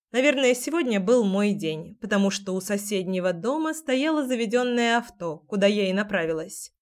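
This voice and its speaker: A woman reading a first-person story aloud. Her delivery is expressive and wry, with a mid-pitched voice that leans into each line. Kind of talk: first-person audiobook narration.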